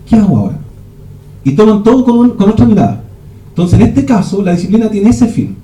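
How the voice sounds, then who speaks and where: A man's voice: high-pitched, warm tone. A man giving a rambling teaching talk at a men's church retreat, often restarting his sentences. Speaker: retreat speaker. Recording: echoey room.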